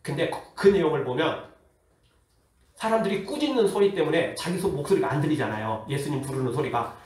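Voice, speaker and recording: A man who is a pastor, preaching a sermon in a lively way with rhetorical questions and acted-out voices. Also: fairly high pitch, a little fast, heavy reverb, distant mic. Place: church hall.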